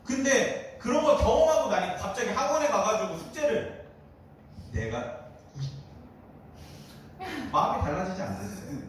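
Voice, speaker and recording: A man preaching to teenagers as their youth pastor, asking them direct questions in an animated way. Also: high voice, moderate pace, pauses often, a little hiss or hum. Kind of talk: sermon to teenagers. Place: church hall. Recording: very echoey hall, distant mic.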